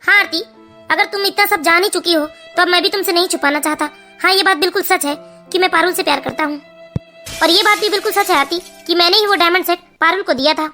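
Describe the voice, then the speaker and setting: A woman's voice: very high-pitched, steady tone, quick pace, bright, forceful tone, soft background music. A woman voicing a young husband who bluntly admits he loves another woman, in a cartoon story. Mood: defiant. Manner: blunt, defensive. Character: cheating husband, young man, defiant.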